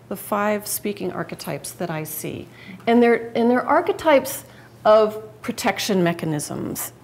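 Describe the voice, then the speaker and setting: Woman coaching a live audience. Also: mid-range voice. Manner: conversational, with frequent restarts and self-corrections. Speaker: public speaking coach.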